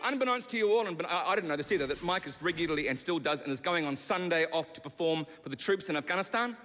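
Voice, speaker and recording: A man's voice: a little high, expressive, fast talker, over music. A man telling a teasing, chatty roast story on stage. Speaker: roast speaker. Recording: live stage with hall reverb and audience.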